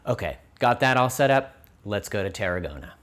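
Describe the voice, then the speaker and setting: Deep-voiced upbeat male travel vlogger. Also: big pitch swings, a little fast, a bit bright. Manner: upbeat, friendly storytelling with light self-deprecating humor. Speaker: host. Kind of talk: travel vlog narration.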